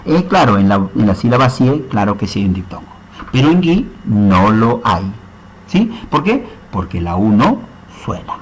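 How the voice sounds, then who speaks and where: A man's voice: lowish voice, very animated, normal speed, a little hiss or hum, poor audio. A man teaching a recorded grammar lesson, explaining step by step and often checking in with short tag questions.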